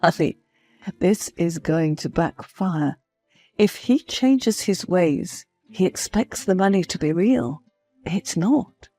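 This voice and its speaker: A woman's voice: lowish voice, expressive, slow, dark tone, soft background music, heavily acted. A woman voicing a worried, blunt older mother giving a frank warning in a story.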